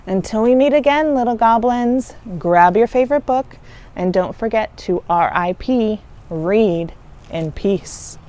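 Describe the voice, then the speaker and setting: A woman's voice: fairly high pitch, lively intonation, measured pace, dark tone, a little hiss or hum. A woman playing a spooky countess, a theatrical horror host who tells stories to her little goblins. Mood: theatrical, spooky welcome. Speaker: storytelling host.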